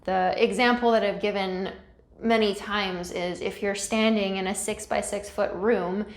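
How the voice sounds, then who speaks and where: A woman's voice: medium pitch, fairly even intonation, unhurried. A woman giving a casual, self-deprecating explainer as a vlog host, recorded in a small, echoey, mostly empty room. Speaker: host of a snake-keeping video channel.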